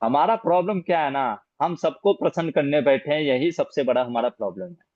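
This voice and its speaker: A man's voice: on the high side, brisk, darkish tone, dry recording. Man patiently teaching, dry muffled audio. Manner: patient, explanatory, repeats key points with rhetorical "है ना?". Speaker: spiritual teacher leading a scripture class. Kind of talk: Q&A after a scripture lecture.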